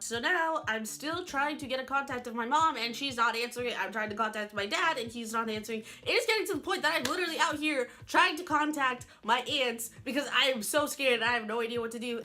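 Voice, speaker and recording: A woman telling a dramatic storytime vlog in an animated, chatty way, full of "like". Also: fairly high pitch. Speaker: vlogger.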